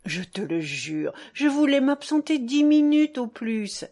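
A woman reading aloud and voicing a tiny, lively man who is cheerful and teasing, with playful exclamations. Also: high-pitched, unhurried, voice pushed up, heavily acted. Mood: coaxing.

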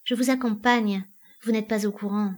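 A woman's voice: mid-range voice, steady tone, moderate pace, close to an everyday voice. A woman voicing a worried young daughter in a dramatic play reading, earnest and concerned.

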